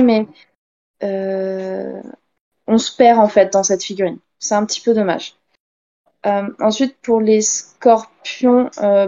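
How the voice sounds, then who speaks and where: A woman giving casual, friendly critique of painted miniatures, pausing often with fillers. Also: mid-range voice, mellow, muffled recording. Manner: hesitant, many fillers, friendly.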